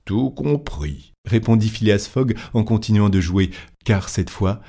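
A man reading a classic novel aloud in a deliberate, expressive way. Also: fairly low pitch. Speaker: audiobook reader. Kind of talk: literary audiobook narration.

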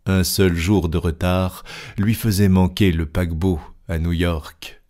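A male narrator with a very deep voice reads a classic novel at an unhurried pace. His delivery is steady and deliberate, in an audiobook style.

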